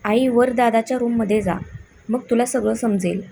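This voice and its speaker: A woman's voice: fairly high pitch, normal speed, vocal fry, slight background noise. A woman doing an upset young sister. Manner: tearful, sharp.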